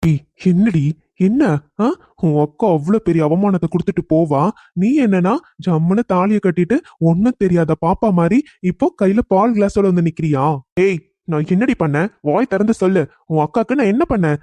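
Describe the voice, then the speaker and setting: A man's voice: high voice, brisk, dark tone, no room sound, natural voice. A man voicing an angry, humiliated young husband in a cartoon story, bitterly accusing his new bride.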